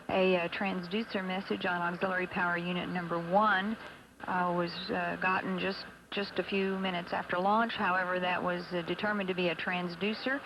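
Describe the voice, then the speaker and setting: Female mission commentator: flat delivery, gravelly edge, halting phrasing, noisy broadcast feed. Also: on the low side. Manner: hesitant, halting with many pauses. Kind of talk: live launch commentary.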